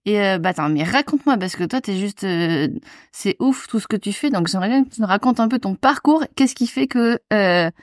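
A woman's voice: mid-range voice, animated, brisk, no echo, studio quality. A woman hosting a casual podcast chat, asking friendly, playful questions. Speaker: podcast host.

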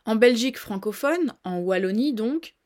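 A woman's voice: on the high side, expressive, moderate pace, a little mellow. Playful woman hosting a language podcast. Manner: playful, chatty explainer addressing listeners. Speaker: podcast host. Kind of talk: scripted explanatory podcast.

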